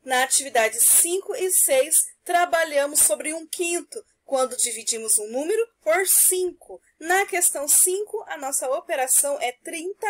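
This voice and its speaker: A woman teacher recording homework corrections for young pupils, stretching out each answer slowly and clearly. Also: sits high, expressive. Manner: slow, clear, drawn-out answers.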